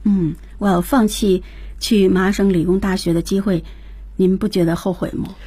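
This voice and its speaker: A woman's voice: medium pitch, flat delivery, normal speed, dark tone, husky, no echo. A woman co-hosting a radio English lesson, introducing each new word and repeating the teacher's points. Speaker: radio co-host. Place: radio studio.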